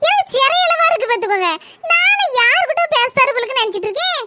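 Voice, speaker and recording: A woman voicing a jealous, sharp-tongued young wife with a Kanyakumari Tamil accent. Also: extremely high pitch, very animated, quick pace, very noisy. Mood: jealous, snappy. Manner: snappy, accusing.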